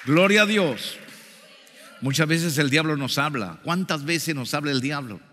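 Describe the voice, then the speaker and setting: A man preaching a sermon with fervor, his voice bright and forceful. He drops low and quiet to tell a story, then lifts his voice and presses his listeners, near a shout. The sound rings out in a hall with a long reverb. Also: normal speed, a faint crowd, slight background noise. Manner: fervent, rising to near shouts when exhorting. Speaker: pastor.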